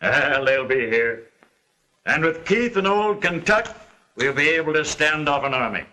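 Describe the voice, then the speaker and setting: Bright, forceful frontier farmer. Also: male voice, on the high side, animated, a little slow. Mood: steady, wary. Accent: rural American Western. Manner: folksy, bantering. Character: gruffly teasing, plucky frontier farmer and father. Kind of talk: old Western film acting. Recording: noisy old film soundtrack.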